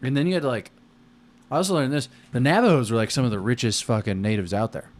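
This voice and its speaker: A man's voice: mid-range voice, fast. An American man in a casual, rambling chat, talking in slangy, profane language.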